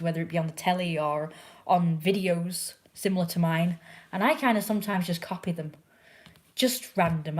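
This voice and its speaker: A woman vlogger chatting casually to camera, rambling with restarts and self-corrections. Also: on the low side.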